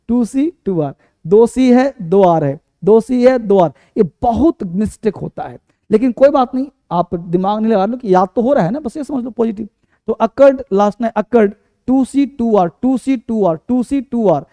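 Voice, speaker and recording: A man's voice: very high-pitched, dark tone, no echo. A man teaching English spelling for exams, chanting letters over and over and quizzing his students. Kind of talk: exam-prep spelling lesson.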